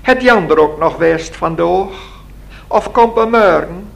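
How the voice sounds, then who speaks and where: A man voicing a hearty, cheerful old Christmas figure who teases and greets warmly. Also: high voice, expressive, slow pace, creaky, full character voice.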